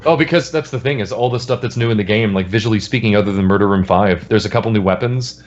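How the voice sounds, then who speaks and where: A man's voice: fairly low pitch, quick pace. A man, a game developer, chatting loosely and jokingly on a podcast. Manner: loose and rambling, jokey. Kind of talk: casual podcast chat. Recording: dull lo-fi recording.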